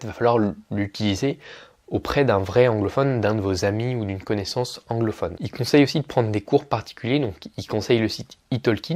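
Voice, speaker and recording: A man's voice: fairly low pitch, darkish tone. A young man giving casual advice on learning English in a YouTube lesson, chatty and full of fillers and restarts. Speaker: English teacher for beginners. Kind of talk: casual YouTube tutorial monologue.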